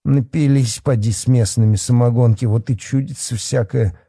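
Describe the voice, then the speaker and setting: A man voicing a fat, pompous rural policeman who sneers and shouts at teenagers. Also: mid-range voice, steady tone, normal speed, creaky, breathy edge, no echo, clean studio sound, voice pushed up. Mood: sneering. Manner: blustering, scornful, shouting.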